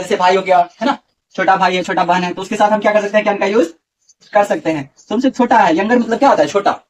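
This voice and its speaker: A man's voice: sits high, far from the mic. A man teaching a grammar lesson to a class, often asking questions and repeating the answers.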